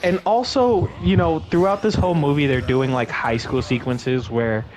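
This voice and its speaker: A man's voice: fairly high pitch, fairly even intonation, normal speed, darkish tone, slight background noise. A man in casual podcast chat, retelling a movie plot in a rambling, profane way and acting out the characters' lines. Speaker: podcast co-host.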